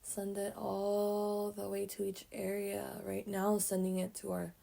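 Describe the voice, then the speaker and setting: In a gentle guided meditation, a woman with a medium-pitched voice delivers short phrases in a completely flat manner. She pauses between them and lets each one end in a soft breath.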